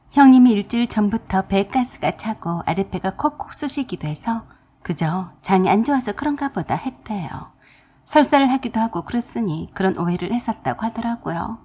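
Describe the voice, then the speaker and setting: A woman's voice: a little high, mellow, husky. A woman narrating a first-person story for a radio drama channel, with an indignant storytelling manner.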